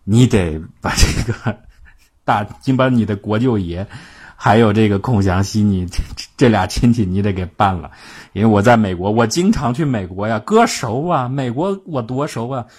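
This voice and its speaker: A man's voice: fairly low pitch, moderate pace, darkish tone, breathy edge. A man voicing an older male statesman who confides and presses advice on a younger ally like a big brother. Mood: earnest. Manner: chummy, confiding, insistent.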